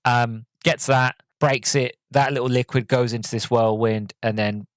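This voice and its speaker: A man's voice: mid-range voice, normal speed, no echo. Rambling man recapping a film, dry sound. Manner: rambling, many fillers and restarts; bursts of excited emphasis. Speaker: podcast host reviewing a film. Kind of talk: casual solo podcast recap.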